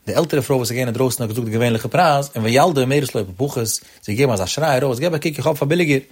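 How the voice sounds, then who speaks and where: A man with a husky, slightly breathy voice gives a Torah lecture at a brisk pace. He pronounces the way. He draws out the verses he quotes, then hurries through his explanation of them. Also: mid-range voice. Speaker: Torah teacher.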